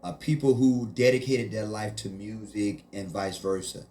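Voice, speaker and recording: A man's voice: on the low side, moderate pace, warm tone. A man who grew up in Haiti, a musician guest chatting casually in an interview in a laid-back way, often saying "you know" and "man".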